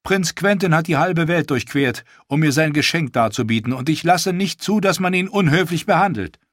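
A man reading an audiobook, voicing a proud young queen who speaks in a regal, measured way. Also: on the high side, expressive, dry recording, studio quality, pitched above the performer's own voice, close to an everyday voice. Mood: commanding.

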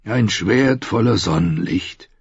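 A man voicing a gentle, courtly, blind old scholar who talks slowly and politely in a husky voice. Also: lowish voice, expressive, no echo, exaggerated voice. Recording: dull lo-fi audio.

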